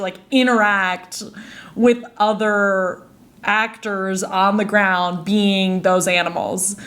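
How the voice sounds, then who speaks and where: A woman in her twenties hosting a casual solo podcast. She tells stories in an animated, exasperated way and laughs often. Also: mid-range voice. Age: 20s. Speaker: podcast host.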